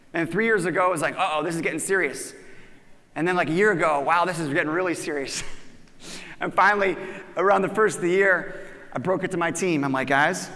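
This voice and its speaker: A man giving a motivational conference talk, animated and acting out voices when he quotes people. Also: high voice, vocal fry. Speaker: conference speaker. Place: large conference hall. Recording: reverberant conference hall.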